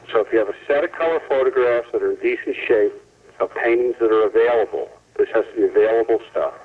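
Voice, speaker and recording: A man with a fairly low, somewhat husky voice talks into an answering machine over a phone line. He is casual but businesslike, spelling out instructions and going back over details. The sound is thin, distant and muffled, like a 1990s tape. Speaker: caller leaving a phone message. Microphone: telephone line into answering machine.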